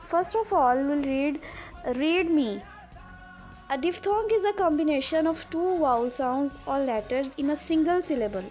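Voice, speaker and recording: Slow-speaking Pakistani woman teacher. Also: high voice, lively intonation, darkish tone, faint music behind, poor audio. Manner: slow, switches between English and Urdu explanations. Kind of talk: online English lesson.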